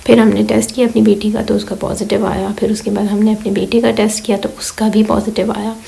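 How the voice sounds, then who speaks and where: Hoarse sick woman rambling thru her vlog, flat gravelly low-key voice. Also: low-quality recording. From Pakistan. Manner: slow, rambling, many fillers. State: hoarse and weak from illness. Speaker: vlogger. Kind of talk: casual voice-over vlog.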